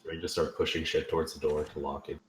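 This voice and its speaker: A man's voice: rumbling low, flat delivery, fast. A man chatting casually as a player in a tabletop game, recorded with a roomy echo. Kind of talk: casual chat.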